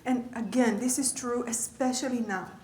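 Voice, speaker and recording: Female coach lecturing a class, engaging tone, slightly high voice, roomy recording. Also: steady tone, moderate pace, a little mellow, a little hiss or hum. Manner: engaging, checks in with the audience often. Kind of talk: conversational lecture. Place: lecture room.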